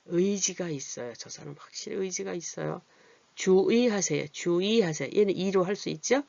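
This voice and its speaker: An adult literacy teacher explaining vowels patiently, asking rhetorical questions and reading example words slowly. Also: mid-range voice, vocal fry, a little mellow, no echo, muffled recording. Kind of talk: Korean vowel lesson.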